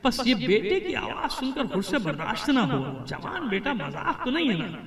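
A man preaching an impassioned sermon, telling a story dramatically and swelling into loud cries. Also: very high-pitched, huge pitch swings, moderate pace. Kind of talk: impassioned religious sermon narration. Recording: echoey hall, far from the mic.

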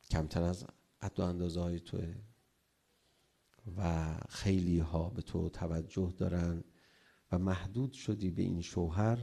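A middle-aged cleric giving a sermon on marriage, animated, acting out household quarrels in a raised voice. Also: male voice, deep voice, gravelly, breathy edge.

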